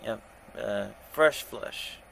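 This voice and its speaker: A man chatting casually in a wry, droll manner, easing slowly into his sentences. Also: on the low side, vocal fry, a bit bright. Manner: slow-starting, wry, droll. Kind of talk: casual chat. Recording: voice call with background noise.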